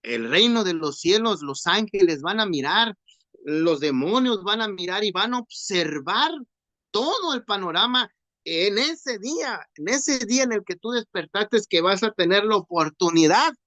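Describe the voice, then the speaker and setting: A man's voice: sits high, expressive, a little slow, pushed and bright, no room sound. A man preaching to a youth group, retelling the story with acted dialogue and often asking the listeners to agree. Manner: storytelling, acts out dialogue, asks listeners "¿verdad?". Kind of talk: sermon. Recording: dull lo-fi, dry.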